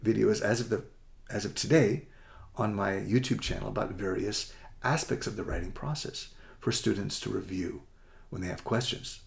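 A middle-aged man giving an upbeat, rushed presentation as a college essay coach, often correcting himself mid-sentence. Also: on the low side, vocal fry. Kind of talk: presentation to parents and students.

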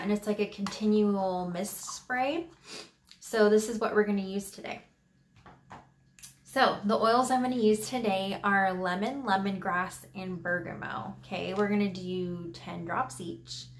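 A woman vlogger talking casually and upbeat through a DIY tutorial in her home office. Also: mid-range voice. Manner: chatty, upbeat, with fillers.

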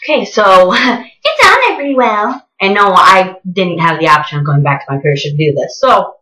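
Animated young woman, tongue-piercing speech, echoey room. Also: medium pitch, normal speed. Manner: slightly impeded speech from a newly changed tongue piercing; exclamatory, self-narrating. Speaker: vlogger. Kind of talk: casual vlog chat, talking to viewers while doing a task. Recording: echoey small hard-walled room.

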